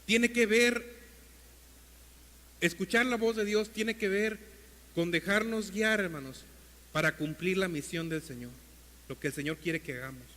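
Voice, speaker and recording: A male pastor preaching an earnest sermon to his congregation, calling them brothers, and rising in pitch and force as he exhorts them. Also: unhurried, long pauses, big-room sound. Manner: builds to a louder, higher pitch when exhorting.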